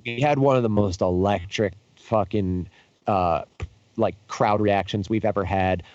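A man's voice: fairly low pitch, a little slow, darkish tone, highs cut off. A young man in casual chat, telling tour stories in a rambling, profane way with lots of fillers and restarts. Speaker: podcast guest, touring musician.

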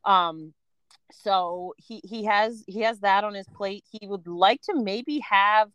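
A woman's voice: medium pitch, takes it slowly, a bit bright, clear, resonant tone, dry recording, dull audio. A woman in her thirties, a homeschooling mom co-hosting a podcast, talking frankly and casually with lots of "um" and "you know". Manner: chatty, frank, many fillers like "um" and "you know".

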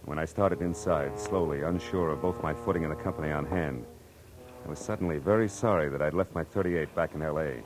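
In a 1940s radio drama, a man plays a hard-boiled American private detective who is wry, commanding, terse, and dry, firing off wisecracks. His rumbling low voice runs a little fast over music, grim yet measured in mood. The old radio recording is noisy.

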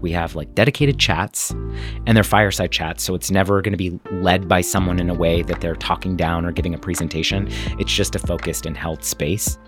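Low-voiced guy telling camp stories, lots of um and like, gets choked up, soft music under it. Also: steady tone, fairly quick. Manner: earnest, rambling, many fillers and restarts. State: choked up at times. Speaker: camp founder, guest. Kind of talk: interview clips.

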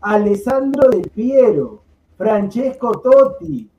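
A man co-hosting a casual sports podcast, joking, chanting player names and singing snatches of songs, with sudden swings in loudness. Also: extremely high pitch, slow pace, highs cut off. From Peru. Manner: playful, chants names and sings snatches, shifts loudness a lot. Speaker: podcast co-host. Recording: echoey room with faint ambient noise.

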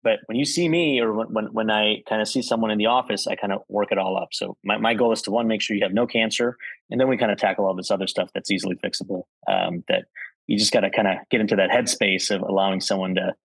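A man, a urologist guest on a podcast, calmly explaining medical issues in plain words. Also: on the low side, fast, husky, no room sound, low-quality recording. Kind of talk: explanatory interview answers.

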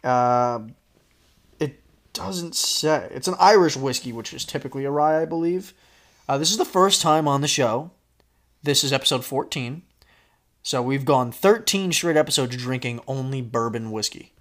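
A man's voice: mid-range voice, normal speed, a bit bright. A man hosting a podcast over whiskey, chatting loosely and joking, swearing casually. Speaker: podcast host. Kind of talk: casual chat.

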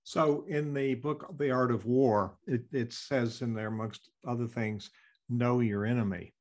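A man's voice: mid-range voice, steady tone, a little slow. A man interviewing a guest, prompting with questions and light jokes. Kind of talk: conversational interview.

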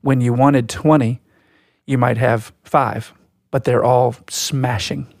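A man co-hosting a podcast, talking in a reflective, storytelling way, slow and deliberate. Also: medium pitch, fairly even intonation, creaky, a little mellow, dry recording, clean studio sound. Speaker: podcast co-host. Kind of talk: casual podcast chat.

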